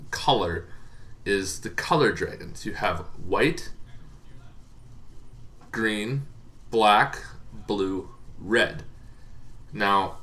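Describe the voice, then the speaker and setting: A man with a fairly low, pushed and bright voice hosts a show about tabletop gaming lore. He explains things to viewers in an informal, rambling way, like a casual explainer.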